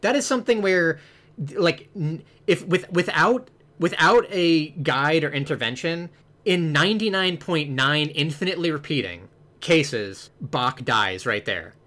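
A man's voice: a little high, lively intonation, a little slow, pushed and bright. A man chatting casually about a video game, rambling and full of "like" fillers, with the odd swear.

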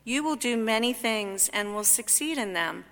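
A woman reading scripture solemnly at a church service, with measured, deliberate phrasing, in a cathedral-like echo. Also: fairly high pitch, animated, a bit bright. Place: large reverberant church. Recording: cathedral-like echo, long reverb.

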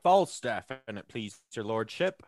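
A man voicing a quiet, respectful servant answering his lord. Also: fairly low pitch, sing-song, a little slow, pitched below the performer's own voice. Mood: deferential. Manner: respectful, subdued. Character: deferential male servant, quiet. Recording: tinny phone-like sound in an echoey room.

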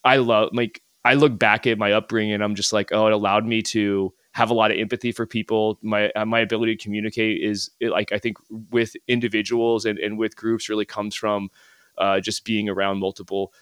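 A man from America chats as a podcast guest in a fairly low voice. His tone is smooth and resonant, recorded close and dry with no room sound. He rambles, restarting sentences and leaning on filler words. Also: little pitch movement, fairly quick, fairly bright tone, no room sound. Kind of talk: casual interview chat.

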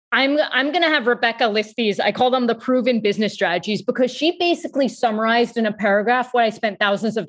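A woman from the United States with a New York accent, hosting a podcast in quick, animated casual conversation and laughing often. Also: fairly high pitch. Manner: fast, animated talker who laughs often. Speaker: podcast host.

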